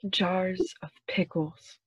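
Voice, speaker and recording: A woman giving a dramatic reading of a parody carol with theatrical, deliberate phrasing. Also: lowish voice, little pitch movement, fairly bright tone, breathy edge.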